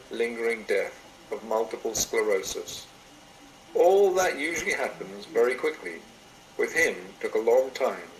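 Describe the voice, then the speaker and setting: Recorded into a computer in an indoor room, a man gives a sermon-like reading of another author's meditation. His mid-pitched voice is serious and deliberate, its phrases rising and falling in a lively way. The amateur audio is roomy, with a little hiss or hum.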